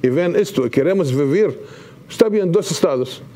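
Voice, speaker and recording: Guest spot: fiftyish man, fervent and halting, fairly high yet mellow voice, lapel mic in a TV studio. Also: lively intonation. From Palestine. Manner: impassioned, gesturing, halting restarts. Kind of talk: TV studio interview. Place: TV news studio.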